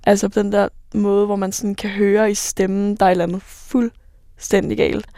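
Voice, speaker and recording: Young woman with a gravelly, flat retelling. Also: medium pitch, no room sound, clean studio sound. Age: 20s. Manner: halting, many fillers, vivid recollection. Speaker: bar worker recounting rescues. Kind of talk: personal radio storytelling.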